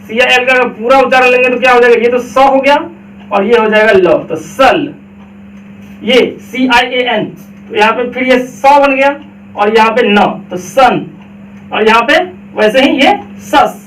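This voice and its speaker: Male teacher with a Bihari Indian accent, unusually high voice, drills pronunciation by asking and answering his own questions; roomy echo, faint ambience. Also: a bit bright, far from the mic, slight background noise. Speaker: English teacher. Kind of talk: classroom pronunciation lesson.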